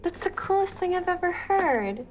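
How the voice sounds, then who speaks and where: A woman's voice: very high-pitched, very animated, normal speed. An actress playing a kindly young woman in a film, talking in a conversational, tactful way. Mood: kind, agreeable. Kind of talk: naturalistic film acting.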